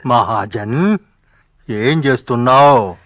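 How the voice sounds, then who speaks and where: An actor playing a stern, commanding old male saint who speaks slowly and breaks into angry shouts. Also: dry recording, clean studio sound. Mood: calm, commanding. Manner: slow, lively pitch, bursts into angry shouts. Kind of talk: devotional drama dialogue.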